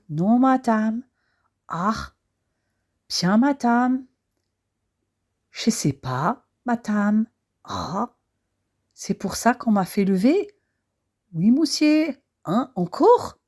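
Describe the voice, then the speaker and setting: A woman's voice: fairly high pitch, a little mellow, exaggerated voice. A woman voicing a sleepy, grumbling maid with a put-on Alsatian accent, yawning through short replies.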